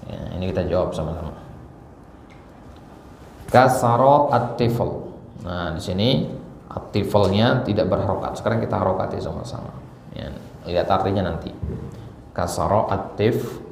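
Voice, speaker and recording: A man's voice: low-pitched, quick pace, creaky, a little mellow. A man teaching an Arabic grammar lesson in a mosque hall, asking the class questions and then answering them himself. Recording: roomy hall echo with faint background noise.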